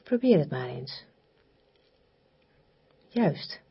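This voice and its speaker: A woman leading a guided relaxation in a soft, breathy, near-whispered voice, soothing, hypnotic and repetitive, with long pauses. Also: sits low, big pitch swings, highs cut off.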